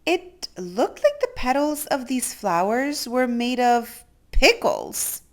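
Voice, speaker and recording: A woman tells a children's picture book story theatrically, drawing out the key words for emphasis. Her voice is a little high and sing-song.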